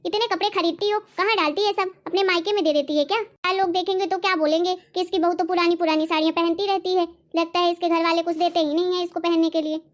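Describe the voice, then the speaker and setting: A woman's voice: very high voice, fairly even intonation, quick pace, few pauses. A woman voicing a domineering, nagging adult sister-in-law in a cartoon, talking in a harsh, sarcastic, scolding way. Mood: complaining. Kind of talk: animated cartoon voice acting.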